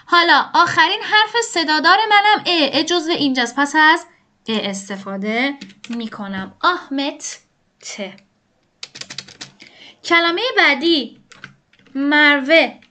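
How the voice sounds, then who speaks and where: A woman's voice: high-pitched, long pauses, sharp tone. A woman teaching grammar step by step, patiently asking questions and answering them herself. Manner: patient, explains rules aloud, poses and answers her own questions. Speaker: language teacher.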